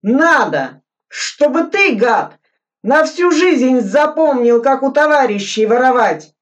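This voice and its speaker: A woman's voice: high voice, sing-song, slow, voice pushed up, heavily acted. A woman doing a furious young soldier. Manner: shouting, fierce and defiant. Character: angry hardened young male soldier. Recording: muffled, distant lo-fi recording.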